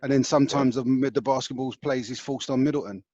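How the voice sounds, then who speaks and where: A man's voice: mid-range voice, fairly even intonation, fast talker, a little mellow. A man in a casual basketball podcast who bluntly corrects the others. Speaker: podcast panelist. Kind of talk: casual sports chat. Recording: dry dull lo-fi sound.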